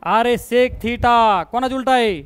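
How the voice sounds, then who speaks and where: A man's voice: very high-pitched, a little slow, smooth. A man with a Marathi accent teaching a math class, coaxing students and checking again and again whether they follow. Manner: coaxing, repeatedly checks understanding. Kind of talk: classroom lecture. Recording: noisy classroom recording.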